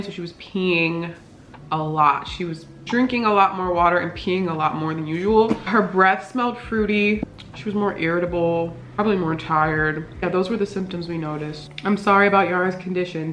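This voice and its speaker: A woman's voice: fairly low pitch, fairly bright tone. A young woman, answering viewer questions in a casual vlog chat, full of fillers and at times talking with her mouth full. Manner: chatty, many fillers, talks while eating. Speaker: vlogger. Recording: echoey room.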